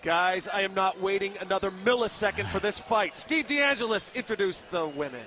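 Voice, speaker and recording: A man doing energetic play-by-play commentary for a fight broadcast. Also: sits high, moderate pace, slight background noise. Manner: energetic, hyping.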